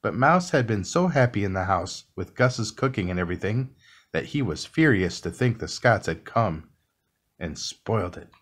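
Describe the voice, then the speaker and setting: Low-voiced man reading a bedtime story. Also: animated. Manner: soft, unhurried storytelling. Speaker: storybook reader. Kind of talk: calm bedtime story narration.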